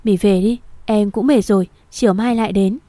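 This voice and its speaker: Polite caring young man, read by a woman narrator, mellow tone, audio novel. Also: mid-range voice, steady tone, normal speed, no room sound, natural voice. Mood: gentle.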